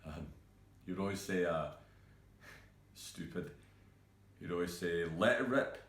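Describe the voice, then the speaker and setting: An actor playing a grieving young male cook who talks in a halting, hesitant way full of fillers. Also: deep voice, animated, fairly bright tone, echoey room, exaggerated voice. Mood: subdued. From Scotland. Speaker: actor performing a monologue. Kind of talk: self-tape monologue.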